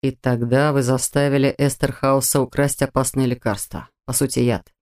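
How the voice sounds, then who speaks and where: A narrator voicing a tense, protective man, speaking low and earnest. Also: flat delivery, moderate pace, darkish tone, lightly acted.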